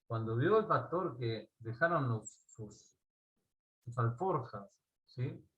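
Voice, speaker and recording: A man with an Argentine accent teaching a Torah class. He tells a parable in a lively way and often checks in with his listeners. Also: mid-range voice, slow pace, dull audio. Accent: Argentine Spanish. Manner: animated storyteller, asks listeners "¿sí?" often.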